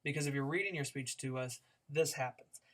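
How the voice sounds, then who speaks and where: A male speech instructor giving a recorded lecture, conversational and demonstrative, with frequent fillers and restarts as he varies his speed, pitch and loudness to show his points. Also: a little fast.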